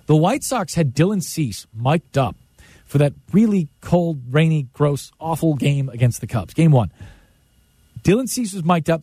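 A man's voice: on the high side, dark tone, no room sound. An American man hosting sports radio, talking through baseball in a conversational, emphatic way with repeated phrases.

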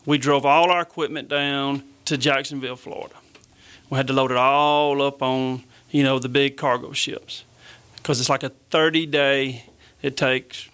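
A man's voice: mid-range voice, pushed and bright, clean tone. A man with a Southern US accent recalling army service as an interview guest, casual and explanatory, often saying "you know". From Mississippi, US. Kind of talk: casual conversational recollection.

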